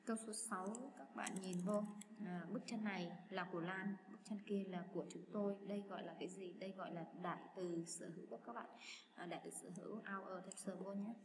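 A woman teacher goes through test answers one by one, speaking to her students in a friendly, patient tone. Her voice sits at a middle pitch. It was recorded in an echoey room with steady, clearly audible background noise. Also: fairly quick. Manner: patient, chatty, addresses students as "các bạn". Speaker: English teacher. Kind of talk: explaining exam answers.

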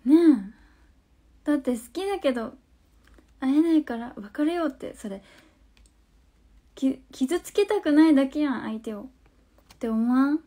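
A woman in her twenties with a Hakata dialect, hosting a casual phone live stream, chatting, reading viewer comments aloud and answering them, sometimes dropping into soft near-whispered asides. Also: sits high, animated, normal speed, pauses often. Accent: Hakata dialect of Fukuoka.

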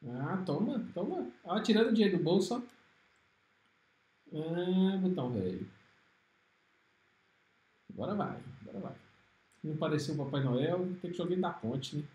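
A man with a Brazilian Portuguese accent giving excitable, trash-talking commentary while streaming a fighting game. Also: high-pitched, normal speed, long pauses, echoey room. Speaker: gaming streamer. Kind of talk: live gameplay commentary.

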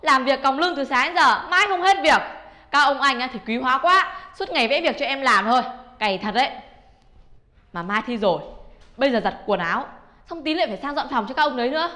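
Young student girl, naive and grumbling, high bright voice, comedy series. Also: expressive, quick pace. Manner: chatty, grumbling, easily fooled. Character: put-upon young female student, naive.

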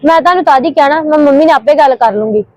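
A young woman playing a sharp-tongued, scheming sister-in-law in a short home drama, talking back indignantly. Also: sits high, no room sound, lo-fi sound, close to an everyday voice. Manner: rapid, retorting, indignant. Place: home, indoors.

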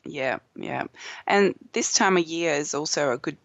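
A woman's voice: deep voice, animated, a little slow, vocal fry, dry recording, lo-fi sound. A woman co-hosting a casual sales podcast, easygoing and losing her voice. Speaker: podcast co-host.

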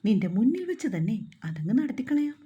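Brief: sneering storybook bully , read by a woman, dark husky tone. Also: fairly high pitch, sing-song, fast, highs cut off. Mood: menacing. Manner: sneering, menacing. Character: cruel young man, mocking bully.

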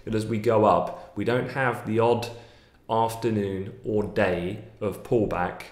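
A man's voice: fairly low pitch, steady tone, a little slow, roomy sound. A man, giving fluent, analytical daily market commentary with frequent fillers from a small home office, recorded on a webcam at his desk.

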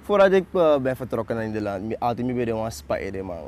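Een jonge man met een Surinaams-Nederlands accent praat als gast losjes en relaxed, met veel straattaal. Zijn toon gaat levendig op en neer. Er klinkt een zacht geruis op de achtergrond. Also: medium pitch, fairly quick, noisy background. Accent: Surinamese Dutch. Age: young adult. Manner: laid-back, slangy, laughs often. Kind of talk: casual interview.

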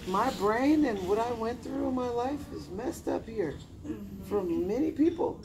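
With a very high-pitched, lively, unhurried voice, a man in his thirties coaches a small group informally on motivation. He is a personal development coach seated among them in an indoor lounge, emphatic and directive, relying on short commands and questions. Ambient hum runs through the noisy room.

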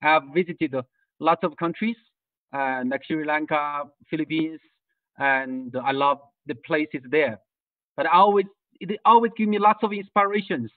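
A Tibetan man with a fairly high voice gives an online lecture on birding tours as a guest speaker, speaking at a normal pace but hesitantly, with lots of fillers and restarts. His voice comes through a tinny video call from a distant mic, with no echo.

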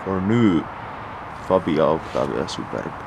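A deep-voiced man with a Finnish accent picks his way through an abandoned house, speaking English slowly and haltingly. His words come in stops and restarts as he thinks aloud. The handheld recording carries steady background noise. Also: vocal fry. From Finland. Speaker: urban explorer. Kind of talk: casual exploration vlog. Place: abandoned house and garage, indoors. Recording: noisy handheld field recording.

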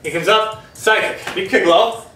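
A man coaching a home kickboxing workout, energetic and encouraging, calling out moves while out of breath. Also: high-pitched, normal speed, slight background noise. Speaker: fitness instructor. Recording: echoey room from far off, music behind.

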